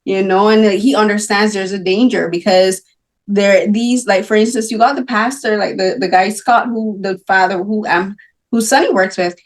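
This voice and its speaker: A woman interviewing filmmakers, talking in a lively way and sometimes acting out what others say. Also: mid-range voice. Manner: animated, often acting out the voices of others. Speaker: magazine interviewer. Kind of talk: casual interview talk. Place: film festival interview.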